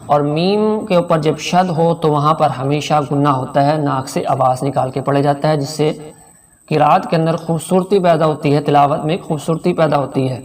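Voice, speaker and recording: A man with a Pakistani Urdu accent teaching a tajweed lesson, explaining pronunciation rules plainly and then chanting verses slowly and drawn out. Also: a little high, fairly even intonation, a little mellow, distant mic. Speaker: Quran recitation teacher.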